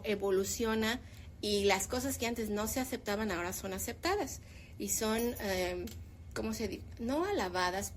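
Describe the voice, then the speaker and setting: A woman's voice: mid-range voice, slight background noise. A woman in her fifties, a teacher, talking about language in a casual discussion and giving her opinions with animation. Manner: opinionated, animated when making a point.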